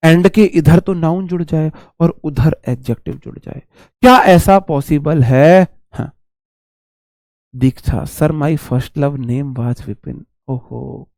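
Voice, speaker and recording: Reading out student questions in a live online grammar class, a young teacher chats and teases while mixing in Hindi. His voice sits on the high side and is a little mellow, in a dry, clean studio recording.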